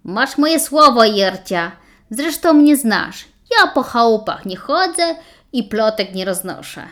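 A woman's voice: fairly high pitch, expressive, slow pace, a bit bright. Woman doing a bashful country bachelor. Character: country bachelor, lower, slow and courting.

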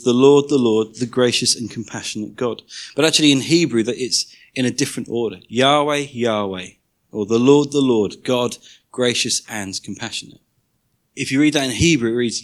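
A man preaching an informal teaching sermon in church, chatty in tone and leaning hard on key words he repeats. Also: mid-range voice.

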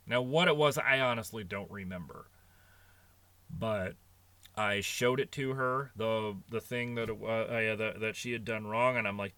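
A man's voice: fairly low pitch, sharp tone, dry recording. A middle-aged man hosting a podcast, talking casually and earnestly as he tells stories about managing staff. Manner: earnest, anecdotal storytelling. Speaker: podcast host on restaurant management.

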